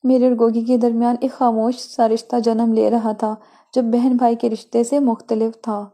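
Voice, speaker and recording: A woman narrating a first-person story at an even, unhurried pace and reading out the dialogue. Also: on the high side.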